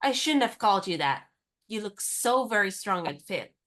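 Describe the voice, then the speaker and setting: An actress plays a spirited young woman posing as a lady's maid, teasing her companion in a brisk, knowing way like a radio-play character. Her middle-pitched voice is animated and fairly bright, and it sounds natural.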